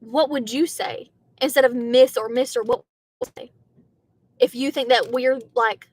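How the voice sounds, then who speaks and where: A woman's voice: on the high side, steady tone, normal speed, darkish tone, slight background noise. Chatty Southern woman in a car. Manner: chatty, reads viewer comments aloud. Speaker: livestreaming gig driver. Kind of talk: casual livestream chat.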